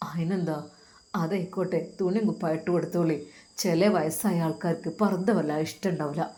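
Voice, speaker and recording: Woman putting on a soft low guy voice, kind young husband. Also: fairly even intonation, fairly quick, lightly acted. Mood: gentle.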